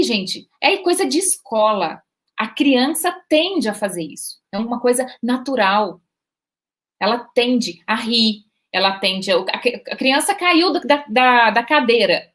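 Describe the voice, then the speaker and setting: Talking to parents in a casual video, a woman from Brazil who teaches bilingual parenting discusses how children pick up English. Her voice sits high and her accent is Brazilian Portuguese; she repeats herself energetically and often pauses to ask "né?" or "tá?" to make sure they're with her.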